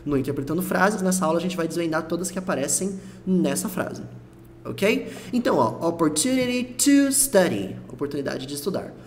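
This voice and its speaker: A man who speaks Portuguese natively, teaching English in an online lesson, explaining phrases step by step and repeating English words slowly to show pronunciation. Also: a little high, lively intonation, slight background noise.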